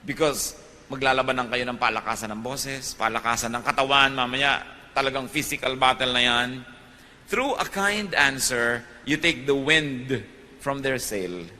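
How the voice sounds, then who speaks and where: Filipino male preacher, emphatic sermon delivery, very bright tone, echoing hall. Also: mid-range voice, unhurried. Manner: switches between Tagalog and English, rising to emphatic peaks.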